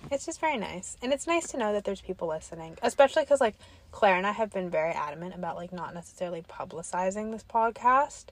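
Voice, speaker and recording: A woman's voice: medium pitch, expressive, fast talker. A young woman co-hosting a casual podcast, talking in long rambling runs full of "like", her voice a little worn. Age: young adult. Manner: rambling, filler-heavy, lots of "like". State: slightly losing her voice. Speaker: podcast co-host. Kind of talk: casual chat. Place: quiet street.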